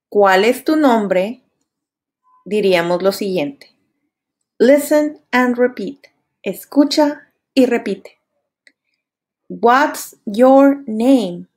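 A young woman leads a children's English lesson at a very unhurried pace, stretching each phrase for kids to repeat. Her voice sits a touch high and friendly-clear. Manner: slow, clearly drilled repetitions for kids to echo. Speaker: English teacher.

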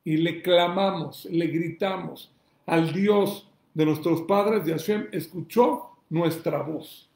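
Male rabbi, fiery question-and-answer sermon delivery, high-pitched, recorded in a reverberant room. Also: slow, gravelly. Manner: emphatic preacher, asks and answers his own questions, shouts calls to God.

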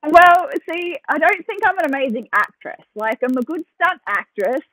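A woman's voice: high voice, normal speed, no echo, rough recording. A woman with an Australian accent, a podcast guest chatting casually, laughing often and poking fun at herself. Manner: laughs often, animated and self-mocking. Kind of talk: casual chat.

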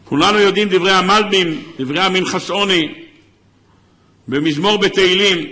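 A man's voice: high-pitched, pushed and bright, a little hiss or hum. A man, a rabbi, giving an impassioned sermon, sometimes crying out. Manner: impassioned preaching, crying out in places.

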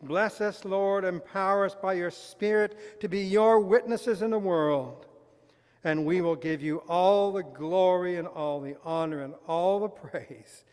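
A man's voice: sits high, unhurried, clean tone. A man leading a congregation in worship, speaking earnest prayers in a large church hall, recorded from a far camera. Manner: earnest, reverent spoken prayer. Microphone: far camera at back of hall. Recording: loud brass music over voice. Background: brass band and congregation singing.

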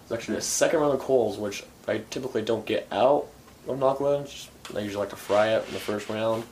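Young adult male, slightly low register, enthusiastic informal product reviewer, garage recording with light background noise. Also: fast talker, a little mellow. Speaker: hookah reviewer. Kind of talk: casual product review chat. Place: garage workshop, indoors. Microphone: camera a few feet away. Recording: faint background room noise.

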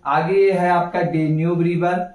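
Slow, echoey Hindi teacher man. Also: high voice, flat delivery, darkish tone. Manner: slow, repeats names and quizzes the class. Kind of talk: exam-prep lecture at a map. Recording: echoey room, voice from far off.

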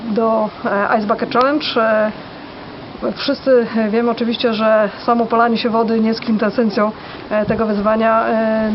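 A woman with a Polish accent speaking unscripted to the camera in a halting, hesitant way with many pauses. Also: fairly high pitch. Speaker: charity challenge participant. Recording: dull lo-fi audio, faint background noise.

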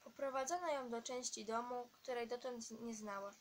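A woman narrating an audiobook at a steady reading pace, now and then stumbling and restarting a word. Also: on the high side, normal speed. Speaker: audiobook reader.

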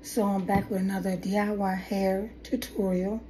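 Seated indoors at her kitchen table, a coughing, congested middle-aged vlogger chats and restarts her way through a relaxed hair tutorial captured on her phone camera. Her mid-range voice is warm, barely shifts in pitch, and moves at a normal speed; the low-quality audio carries slight background noise.

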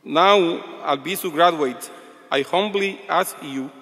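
A man's voice: a little high, fairly bright tone. An older man giving a formal commencement address as board chair, reading from notes at a podium. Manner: measured, reads from notes at podium. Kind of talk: formal prepared speech. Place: large auditorium stage. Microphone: podium microphone. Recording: long hall reverb.

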